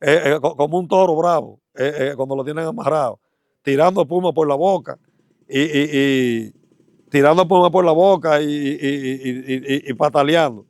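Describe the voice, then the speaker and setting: A man telling a testimony as an evangelist, halting often and repeating words as he talks. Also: a little high, dry recording, studio quality. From Dominican Republic. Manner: halting, stammering repetitions, animated. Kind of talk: testimony storytelling.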